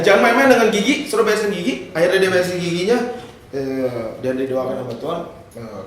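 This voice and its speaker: A man preaching a lively, humorous sermon and drawing responses from his congregation. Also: medium pitch, a little hiss or hum. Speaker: pastor. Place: church hall. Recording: echoey hall, mic at a distance.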